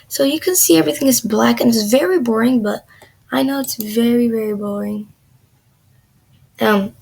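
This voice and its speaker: A woman's voice: fairly high pitch, creaky, slightly rough. A young woman teaching a beginner coding lesson in a chatty, loose way, full of "like" and "um". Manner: chatty, filler-heavy, says "like" a lot. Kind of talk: casual screen-recorded coding lesson.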